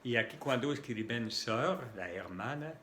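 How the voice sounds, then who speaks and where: French-accented male tutor, unhurried, roomy echo. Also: mid-range voice, expressive, sharp tone, slight background noise. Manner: spells out letters and repeats sounds patiently. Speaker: French teacher. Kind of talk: slow language lesson.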